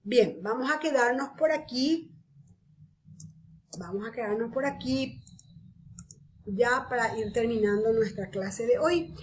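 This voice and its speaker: Slow, patient teacher woman explaining grammar. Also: on the high side. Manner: checks in with a questioning "¿sí?" after points. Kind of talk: online grammar lesson.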